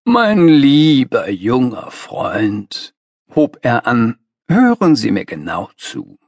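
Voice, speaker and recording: A man voicing a successful, cynical older master who lectures a young man in a patronizing, measured way in an audiobook reading. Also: mid-range voice, huge pitch swings, darkish tone, no room sound, exaggerated voice. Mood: lecturing.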